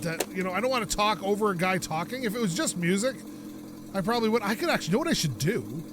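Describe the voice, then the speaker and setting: This gaming host from North America speaks in a high-pitched voice over background noise. Sniffling now and then, he keeps up a loose, jokey stream of chatter and tangents during his let's-play.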